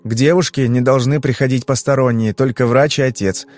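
A man playing a calm, terse male investigator who questions people in measured phrases. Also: medium pitch, soft background music, natural voice. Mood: brusque.

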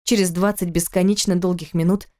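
A woman reading a novel aloud as an audiobook narrator, with a steady, even delivery. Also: on the low side, a little fast. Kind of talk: scripted narration of a romance novel.

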